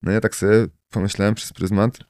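A man talks loosely as a podcast guest, wandering through his points with fillers and tag questions. His voice sits very low and is smooth and resonant. The sound is close and dry. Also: little pitch movement, a little fast, darkish tone, dry recording. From Poland. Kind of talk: casual podcast conversation.

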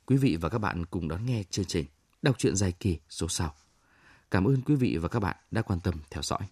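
A man's voice: low-pitched, animated, normal speed, a little mellow, husky, no room sound. A man presenting a radio story programme, reading a scripted outro and teaser.

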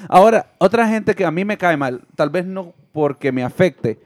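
Joking, animated young man. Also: high voice, moderate pace, no echo. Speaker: podcast co-host. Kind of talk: casual group chat.

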